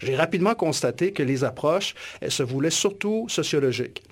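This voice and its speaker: Interviewed about his work, the Quebec-accented author and academic talks a little fast with lively intonation in a higher-leaning voice. His reflective answers come with frequent hesitations and sentence restarts.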